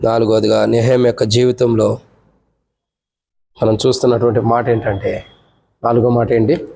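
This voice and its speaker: A man with a Telugu accent preaching at a church prayer meeting. He teaches by numbered points and questions to the congregation, and his voice climbs high when he voices the lament. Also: level tone, moderate pace, gravelly, dark tone, low-quality recording. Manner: rises sharply in pitch when voicing the lament.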